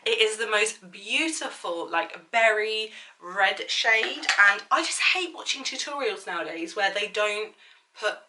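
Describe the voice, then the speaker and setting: A woman's voice: medium pitch, lively intonation, a little slow, pushed and bright, a little hiss or hum. A woman chatting casually through a makeup tutorial in a bubbly, gushing manner, with a slight lisp on her s sounds. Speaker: beauty vlogger.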